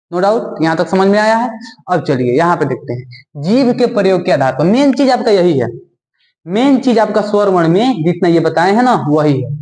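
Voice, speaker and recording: A man with a high voice teaches a Hindi grammar lesson, repeating key terms and putting quick questions to the class. He draws vowel sounds out slowly and deliberately. His voice rings in an echoey classroom. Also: a little mellow.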